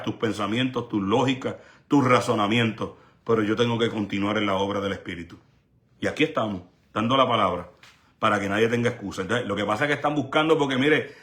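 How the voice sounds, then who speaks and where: A man's voice: mid-range voice, fairly bright tone. A male evangelist delivering a sermon with an emphatic, repetitive preaching cadence.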